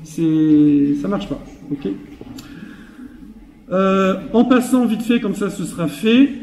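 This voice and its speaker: Heard from afar in a reverberant hall, this man speaks slowly with a high, lively, slightly mellow voice over a little hiss or hum. He's a rabbi telling stories in a casual Torah lecture, often chuckling and repeating words to stress them.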